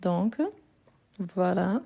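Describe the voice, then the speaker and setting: A woman's voice: fairly low pitch, steady tone, drawn-out words, gravelly, mellow. A woman teaching a live grammar lesson over her phone, explaining patiently, repeating words and correcting herself as she goes. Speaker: French teacher.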